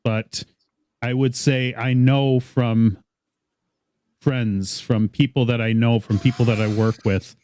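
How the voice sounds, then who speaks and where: A reflective man speaks in a warm, mellow voice with a dry, close sound. He talks slowly, weighing his words, and drops the occasional curse. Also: mid-range voice, steady tone, clear, resonant tone, dry recording. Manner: measured, reflective, occasional swearing. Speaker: panel guest. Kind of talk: casual panel chat.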